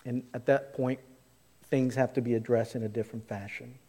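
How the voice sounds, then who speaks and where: A man's voice: mid-range voice, steady tone, a little fast, mellow, big-room sound. A man pastor preaching a sermon into a pulpit microphone in a church, talking to the congregation in a conversational way, his voice rising and falling for emphasis. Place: church sanctuary.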